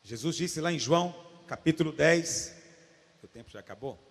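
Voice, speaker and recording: A Brazilian man preaching a sermon in a church, swinging from hushed asides to shouted points. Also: on the high side, expressive, moderate pace, creaky, in a large hall. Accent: Brazilian Portuguese. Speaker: pastor. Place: church hall.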